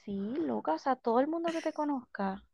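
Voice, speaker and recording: A woman's voice: high voice, animated, a little fast, gravelly, muffled recording, crowd noise. A woman co-hosting a podcast, chatting animatedly and gossiping about a reality show, mixing English words into her Spanish. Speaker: podcast co-host.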